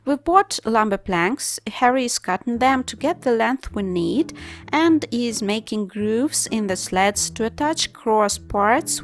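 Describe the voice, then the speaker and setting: Woman narrating a home DIY vlog. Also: a little high. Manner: plain, practical step-by-step explaining. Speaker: DIY channel host. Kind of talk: voice-over narration of a home renovation.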